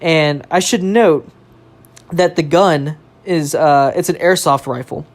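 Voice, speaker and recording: A young adult on a podcast telling a ghost story in casual chat, animated, swearing freely and laughing along. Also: medium pitch, takes it slowly.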